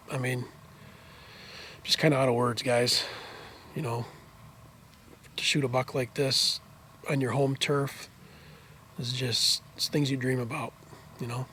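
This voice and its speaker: A man recording himself outdoors after a hunt, talking in an excited, rambling way to his viewers. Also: medium pitch, slight background noise. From Western New York. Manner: breathless, thrilled, rambling. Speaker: hunter filming his hunt. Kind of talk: excited outdoor vlog talk. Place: outdoors in woods and fields.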